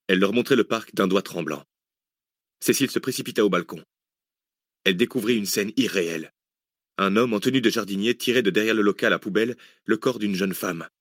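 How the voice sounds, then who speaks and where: A man narrating an audiobook in a steady storytelling voice. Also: fairly low pitch, brisk, no echo, studio quality. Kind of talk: scripted narration.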